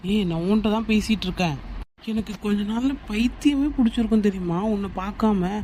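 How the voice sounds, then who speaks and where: A heartbroken young man from a homemade cartoon, pleading and quick to anger, acted by a performer. His voice sits at a middle pitch, and a faint hiss runs underneath. He talks insistently, repeating his appeals. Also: mellow, close to an everyday voice. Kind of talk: amateur cartoon voice acting.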